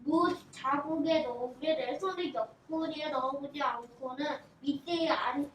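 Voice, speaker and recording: A woman reading scripture aloud slowly and carefully, stumbling now and then. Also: high voice. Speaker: scripture reader. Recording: echoey room, distant mic, faint noise.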